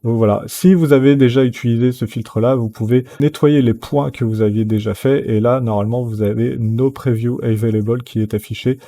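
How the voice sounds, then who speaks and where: A man hosting a screen-recorded software tutorial, talking in a relaxed way with many fillers. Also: mid-range voice, fairly quick, few pauses.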